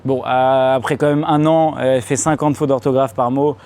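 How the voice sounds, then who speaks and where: Young man doing animated stand-up. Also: normal speed, a little hiss or hum. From France. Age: young adult. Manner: animated storytelling, acts out voices with loud high outbursts; slangy casual French, addresses audience directly. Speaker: stand-up comedian. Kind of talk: stand-up comedy set. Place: comedy club stage before a live audience.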